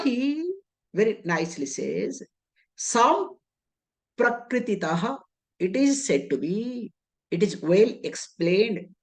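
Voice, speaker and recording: A woman with an Indian English accent giving a scriptural discourse as a spiritual teacher, speaking deliberately, weaving in Sanskrit terms and answering her own rhetorical questions. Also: mid-range voice.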